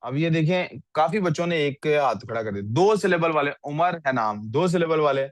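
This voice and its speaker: Class से सवाल पूछता पुरुष teacher. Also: male voice, a little high, expressive, normal speed, dry recording. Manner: questions the class often, mixes English into Urdu. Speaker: English teacher. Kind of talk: online class, reviewing student writing.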